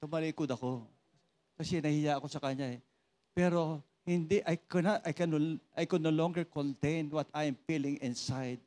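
A man preaching to a congregation, his voice pitched high for a man. He tells his testimony in an animated, joking way, calls for raised hands and slips between Tagalog and English. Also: moderate pace. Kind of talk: sermon with personal testimony.

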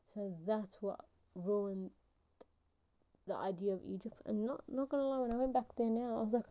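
Speaking at a moderate pace, a twenty-something woman reflects on her own podcast in a dark, flat, medium-pitched voice. Her talk wanders, full of fillers and restarts.

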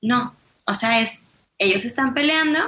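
A woman, a parenting expert talking casually in an interview and acting out quoted dialogue with lively shifts. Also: on the high side, unhurried, echoey room. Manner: animated, acts out quoted dialogue.

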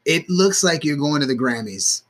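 A man with a voice on the high side talks at a normal speed while co-hosting a podcast. He's an animated storyteller in casual chat, swearing freely and acting out quotes.

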